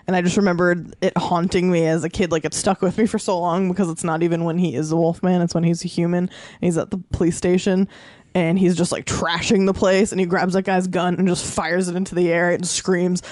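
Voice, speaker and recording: A woman's voice: lowish voice, level tone, brisk, darkish tone, dry recording. A woman co-hosting a podcast, chatting casually about a film and laughing often between remarks. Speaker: podcast co-host. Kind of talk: casual movie discussion.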